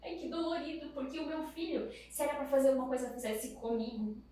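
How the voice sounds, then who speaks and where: A woman's voice: high-pitched, fairly even intonation, fast talker, dark tone, slight background noise. A Brazilian mother telling how her family lived through a hard time, in an emotional, pleading way. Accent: Brazilian Portuguese. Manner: tearful, pleading retelling. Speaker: guest, mother. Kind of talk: emotional testimony. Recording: echoey room, mic at a distance.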